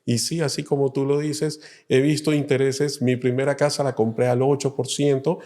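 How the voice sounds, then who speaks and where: A middle-aged man from Colombia, a loan officer explaining things calmly as an interview guest. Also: mid-range voice, normal speed. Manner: calm, explanatory, many fillers. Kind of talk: interview answers.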